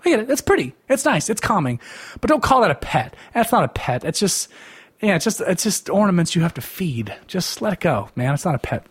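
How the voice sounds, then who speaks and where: A man with a somewhat high-pitched voice delivers a loose, casual rant, leaning on "like" at nearly every turn. His tone stays sarcastic and dismissive as he circles back over his points. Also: sing-song, brisk, slightly rough. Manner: rambling, heavy use of "like" fillers.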